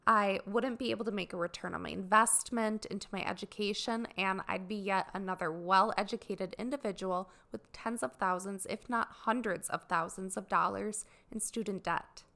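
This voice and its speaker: A woman runs a solo podcast aimed at artists, her voice raspy and dry while she recovers from a cold. She explains things earnestly, at a medium pitch with a sharp tone.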